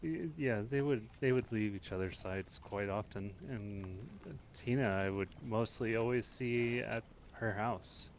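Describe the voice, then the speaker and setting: A man's voice: fairly low pitch, a little slow, a little hiss or hum, rough recording. A man chatting in character during a role-play game, hesitant and stammering.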